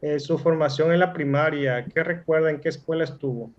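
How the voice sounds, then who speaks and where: A man's voice: on the high side, a little fast, muffled recording. A man from Mexico, a teacher interviewing his guest in a courteous, formal way. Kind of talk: conversational interview.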